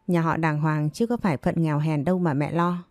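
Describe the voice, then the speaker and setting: A woman's voice: deep voice, fairly even intonation, brisk, darkish tone, dry recording, natural voice. A woman voicing a defiant young pregnant village woman who argues back and pleads.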